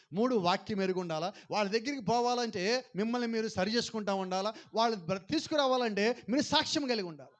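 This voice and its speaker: A male pastor preaching a sermon, mixing in English phrases and urging the congregation to respond louder. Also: sits high.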